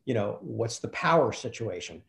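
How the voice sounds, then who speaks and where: In a fairly low, sing-song voice with vocal fry, a Kentucky-born film director tells a behind-the-scenes story at a moderate pace during an interview. He plays out the quoted exchanges himself, and the recording has a roomy echo.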